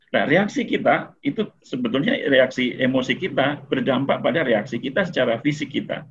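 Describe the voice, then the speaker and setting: Husky middle-aged man lecturing on a video call. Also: medium pitch. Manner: conversational, with many filler "eh"s and light chuckles. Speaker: webinar speaker on mental health. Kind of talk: casual lecture to an online audience. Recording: muffled lo-fi video-call audio.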